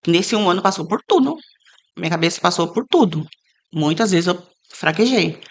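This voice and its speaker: A woman's voice: lowish voice, normal speed. Earnest woman sharing a faith testimony. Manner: earnest, animated when quoting others. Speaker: guest. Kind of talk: casual interview, faith testimony.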